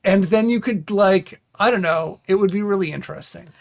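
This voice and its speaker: High-voiced rambling male streamer. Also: brisk, gravelly. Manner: rambling, full of filler "like" and "um". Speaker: streamer host. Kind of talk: casual stream chat.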